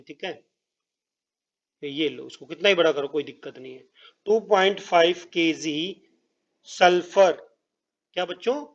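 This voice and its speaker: A man gives a math lesson in a fairly high voice. He talks to his pupils as children, repeats each step and checks they follow, and drags out words while he writes. The sound is a bit dull and lo-fi. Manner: writes on screen while speaking, pauses and drawn-out words. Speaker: math teacher.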